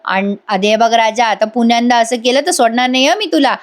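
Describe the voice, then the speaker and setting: A woman voicing an elderly father who scolds and shouts at his son in a retold serial scene. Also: a little high, a little fast, close to an everyday voice. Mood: scolding. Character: elderly father, stern, tearful, quick to anger.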